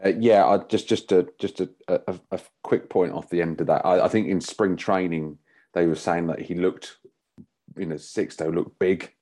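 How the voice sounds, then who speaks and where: A man's voice: low voice, fairly even intonation, moderate pace, dark tone. A man co-hosting a podcast in casual chat, speaking hesitantly. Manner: hesitant, many fillers and restarts. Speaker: podcast co-host.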